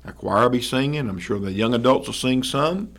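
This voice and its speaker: A man, hosting a church radio broadcast and giving announcements in a folksy, halting way with many fillers and amens. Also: medium pitch, fairly bright tone. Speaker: radio host and church pastor.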